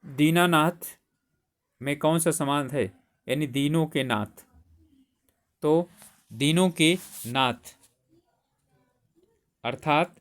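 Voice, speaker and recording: A man's voice: a little high, extremely slow, long pauses. A man teaching for an exam, who explains step by step and asks and answers his own questions. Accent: Hindi. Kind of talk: exam prep lecture.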